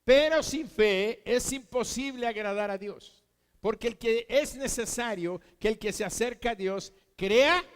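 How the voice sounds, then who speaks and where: A man with a Mexican accent preaching a sermon in an earnest, emphatic, repetitive way. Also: high voice. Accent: Mexican Spanish. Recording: long hall reverb.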